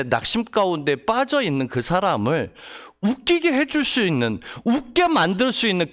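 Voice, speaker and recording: A man preaching a Sunday sermon with emotion, using rhetorical questions and dropping from soft, low lines to raised, higher ones. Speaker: pastor. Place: church service.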